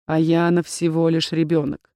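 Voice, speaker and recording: A woman voicing a weary aristocratic man, a duke, who speaks slowly and coldly. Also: sits low, no room sound, studio quality. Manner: slow, flat and detached.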